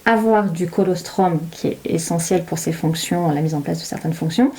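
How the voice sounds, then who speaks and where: Woman, mellow dark tone, explanatory, frequent fillers and restarts. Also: fairly low pitch, normal speed. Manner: warm, hesitant with many fillers and restarts. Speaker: guest, child development specialist. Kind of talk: explanatory interview talk.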